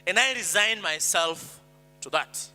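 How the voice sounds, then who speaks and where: Kenyan man, high bright voice, earnest story speech, hall reverb and hum. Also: a little slow, faint music behind. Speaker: speaker.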